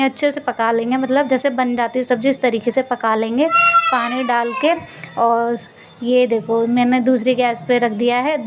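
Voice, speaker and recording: This is a woman with a fairly high voice, walking viewers through a home cooking vlog from her kitchen. She talks in an easy, chatty way, often chuckling and laughing at her own slips of the tongue. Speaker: vlogger.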